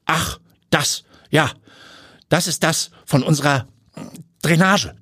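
A man's voice: high voice, very animated, normal speed, fairly bright tone, slightly rough, pitched above the performer's own voice, heavily acted. A man voicing a haughty woman in her early fifties who talks down to people in clipped sentences. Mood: flustered. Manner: clipped, condescending, then flustered.

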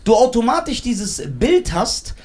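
A young man telling a story in casual podcast chat, excitable and acting out the voices of others. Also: very high voice, a little slow. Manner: excitable, acts out quoted voices. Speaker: podcast host.

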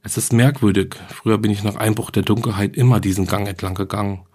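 A man voicing a calm, matter-of-fact girl with a morbid streak. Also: lowish voice, fast talker, slightly rough.

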